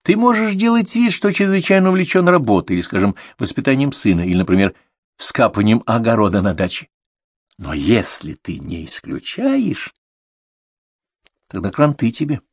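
A man's voice: mid-range voice, very animated, quick pace, no room sound, clean studio sound. A man narrating a confessional story in an intimate way, speaking to his son. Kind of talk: audiobook reading of a confessional novel.

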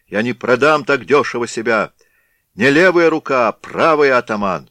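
A proud, fierce Cossack warrior speaks sternly and loudly, as a man acts him out. His deep, low voice carries commanding force and sounds dry and close. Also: expressive, slow, no room sound, exaggerated voice. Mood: defiant.

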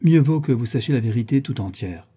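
A man reading an audiobook, voicing a proud, stubborn young gentleman who argues insistently. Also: mid-range voice, expressive, fairly quick, breathy edge. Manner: insistent, indignant.

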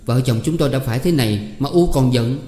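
Male reader as a tearful, pleading young son; raised, dark-toned voice, roomy reverb. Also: mid-range voice, moderate pace, pitched above the performer's own voice, natural voice. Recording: echoey room with long reverb.

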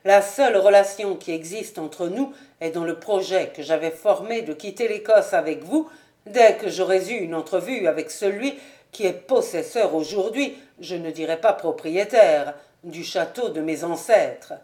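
A woman's voice: lowish voice, moderate pace, mellow, lightly acted. Woman voicing a proud, gloomy young nobleman. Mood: haughty. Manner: cold, haughty and restrained.

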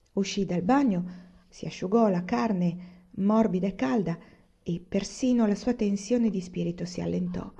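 Gravelly woman reading a novel aloud. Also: lowish voice, dark tone. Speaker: reader. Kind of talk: audiobook narration. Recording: dull lo-fi recording.

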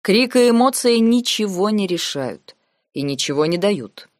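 A woman reading the lines of a cold, calculating noble uncle in an audiobook, measured and sarcastic. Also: mid-range voice, lively intonation, no echo, clean studio sound, voice pushed up, lightly acted. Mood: cold, lecturing. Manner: measured, lazy, coldly sarcastic.

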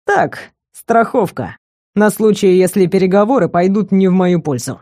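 A woman voicing a gruff male werewolf kidnapper who gives clipped, cold commands. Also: medium pitch, expressive, moderate pace, mellow, dry recording, clean studio sound, close to an everyday voice. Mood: curt, cold.

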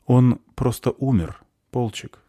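A man voicing a calm, powerful nobleman who speaks in a dry, matter-of-fact manner in an audiobook. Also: mid-range voice, takes it slowly, dry recording, voice pushed up.

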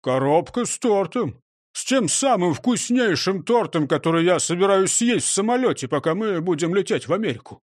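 A man's voice: high voice, lively intonation, moderate pace, no echo, clean studio sound. A man voicing a simple-minded, food-loving male robber who talks in an eager, childlike way.

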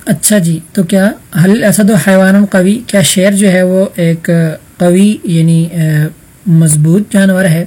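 A man leads an online Arabic vocabulary class in a husky, slightly breathy voice. His tone is mellow and warm, and he patiently quizzes students one by one. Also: high-pitched, fairly even intonation. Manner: patient, calls on students by roll number. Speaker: teacher.

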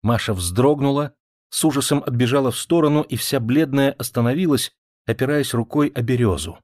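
A man reading a classic novel aloud in a measured, expressive storytelling voice. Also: medium pitch, no room sound, studio quality. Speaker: audiobook narrator. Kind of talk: scripted literary narration.

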